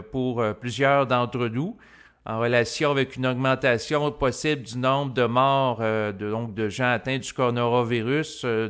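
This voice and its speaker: A man from Quebec, Canada, who hosts spiritual self-help recordings offers listeners an unscripted, reflective monologue in a Québécois French accent. His voice is smooth, medium-pitched and fairly bright, but his delivery is halting and roundabout, full of hesitations and long lead-ins.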